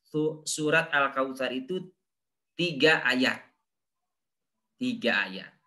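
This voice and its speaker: A man gives a patient recitation lesson to children. He talks at a slow, unhurried pace in a very bright, forceful voice. He models each word and chants the verses stretched out. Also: mid-range voice. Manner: chants verses drawn out and stressed. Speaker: Quran recitation teacher. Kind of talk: online lesson for primary school pupils.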